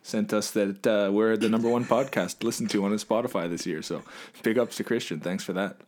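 A man's voice: lowish voice, fairly even intonation, a little fast, darkish tone. A man co-hosting a casual podcast from far away, easygoing and a bit scattered, laughing along. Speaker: podcast co-host. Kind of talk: casual chat. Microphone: remote call microphone.

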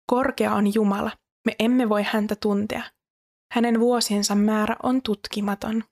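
A woman reading scripture aloud in a steady, measured recitation. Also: medium pitch.

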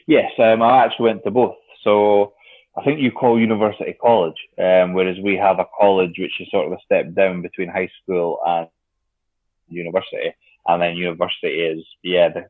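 Deep-voiced man on a tinny line. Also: no echo. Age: 20s. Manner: hesitant, lots of filler and restarts. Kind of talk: casual conversation.

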